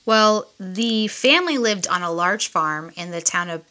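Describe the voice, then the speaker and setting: A woman's voice: on the low side, lively intonation, unhurried, bright, forceful tone. A woman co-hosting a true-crime podcast, reading from notes in a chatty way with casual asides. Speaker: podcast co-host.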